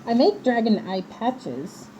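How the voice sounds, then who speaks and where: A woman's voice: a little high, very animated, slow, mellow, slight background noise. A woman chatting casually and playfully on a livestream while she works, her voice slightly muffled through a respirator mask. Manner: playful, giggly, teasing. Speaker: livestream host, craft maker.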